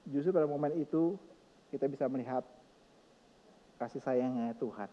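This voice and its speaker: A middle-aged man preaching a sermon as pastor, emphatic and passionate, moving between loud exclamations and soft, tender lines. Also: medium pitch, normal speed, long reverb tail, lo-fi sound.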